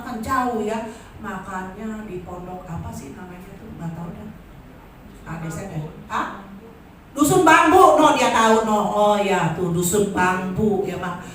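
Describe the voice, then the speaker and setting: A woman in her sixties giving a lively testimony at a worship service, acting out the voices in her story. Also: medium pitch, slight background noise. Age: 60s. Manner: animated storyteller acting out dialogue. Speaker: church testimony speaker. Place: large church hall. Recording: echoey hall from far off.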